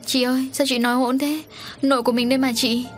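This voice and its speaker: A woman's voice: high-pitched, flat delivery, fast talker, faint music behind, pitched above the performer's own voice, close to an everyday voice. A woman voicing an anxious, caring younger sister, close to tears, in an audio story. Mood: pleading. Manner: pleading, anxious.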